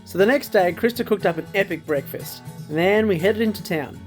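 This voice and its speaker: Guy, young travel vlogger, high-pitched voice, chatty and self-mocking, talks outdoors. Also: a little fast, faint music behind. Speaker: travel vlog host. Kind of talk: casual travel vlog narration. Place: outdoors at a campground.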